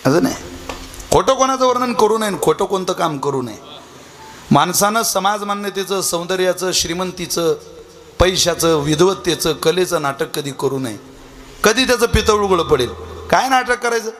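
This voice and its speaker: A man preaching a kirtan sermon, telling humorous stories between preachy asides and slowly chanted verse. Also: high voice, lively intonation, fairly bright tone. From Vidarbha, Maharashtra.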